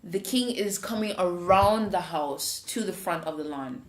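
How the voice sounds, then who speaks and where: A podcast host with a Jamaican accent and a lowish voice speaks a little slowly while telling a story in casual chat. She's animated, acting out the voices during the retelling. Her recording has a roomy echo.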